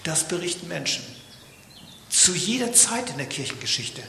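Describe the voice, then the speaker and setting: A man's voice: on the high side, big pitch swings, moderate pace, creaky, pushed and bright, slight background noise. A man preaching a sermon in a church, dramatic, sometimes dropping to a whisper for emphasis. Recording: echoey church hall with long reverb.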